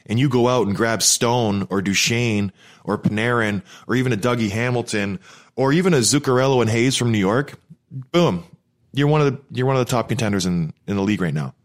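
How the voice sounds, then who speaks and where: A man's voice: mid-range voice, a little fast. A man chatting casually and telling rambling stories, breathing through his mouth because of a broken, blocked nose. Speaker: podcast co-host, former pro hockey player. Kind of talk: casual chat, personal storytelling.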